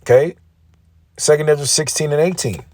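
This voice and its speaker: A man's voice: fairly high pitch, normal speed, a little mellow, dry recording. A man giving blunt, profane preaching commentary, emphatic and peppering his points with "right?". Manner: emphatic, repeats "right?" as a check-in.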